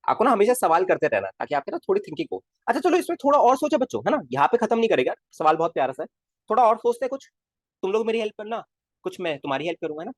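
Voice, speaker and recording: A man's voice: high-pitched, sing-song, very fast, no echo, clean studio sound. A male physics teacher in a casual live class, coaxing his students with constant questions and calling them kids. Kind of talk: live online class lecture.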